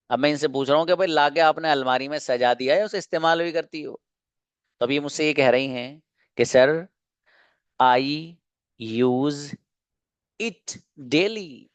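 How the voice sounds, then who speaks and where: A man with a fairly high-pitched voice teaches an online English grammar lesson, explaining slowly, repeating his examples, and asking rhetorical questions. The recording has no room sound.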